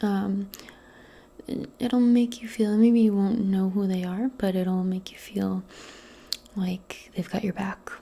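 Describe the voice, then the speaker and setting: Whispering breathily for most of this soft-spoken ASMR roleplay, a woman keeps a medium pitch and a level tone. She talks slowly, in a gentle, reassuring, hesitant way.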